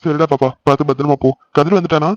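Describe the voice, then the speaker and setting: A man voices a caring uncle figure in a homemade cartoon, firm and reassuring. He talks fast in a slightly raised voice. The recording is dry and somewhat dull. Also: a little high, fairly even intonation, dry recording, close to an everyday voice. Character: Tamil elder brother and uncle, caring and steady. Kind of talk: amateur cartoon dubbing.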